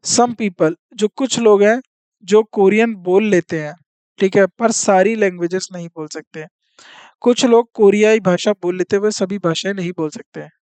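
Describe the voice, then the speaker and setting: A patient teacher talks through an exam-prep lesson at an unhurried pace, going over each point again and checking in with the class. The voice sits in a middle register and is recorded close and dry, with no room sound around it. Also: mid-range voice, darkish tone, smooth, no room sound. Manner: reads out English statements slowly, then explains them in Hindi.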